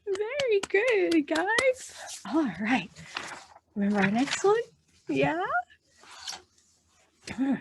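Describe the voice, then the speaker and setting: A woman with a high voice and wildly swooping pitch speaks slowly, leaving long pauses, over background noise. She's running a children's storytime with songs and picture books, encouraging her young listeners and reading aloud to them.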